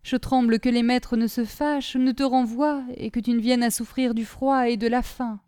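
A devoted sister, gentle and protective, speaking tenderly and pleadingly, as a woman reader gives her voice. The voice is mellow and slightly high, recorded close and dry in a storybook reading. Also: fairly even intonation, normal speed, clear, resonant tone, no room sound, lightly acted.

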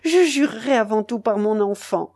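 A woman's voice: a little high, expressive, moderate pace, a little mellow. A woman voicing an overwrought noblewoman and mother in a read-aloud novel, pleading with breathless, rising cries. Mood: anguished.

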